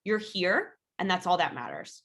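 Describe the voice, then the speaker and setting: A woman's voice: fairly low pitch, expressive, normal speed, fairly bright tone. A woman teaching a self-defense workshop from her home over a video call. She speaks frankly and encouragingly with many "um" fillers, and calls out drill cues energetically. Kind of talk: live online workshop instruction.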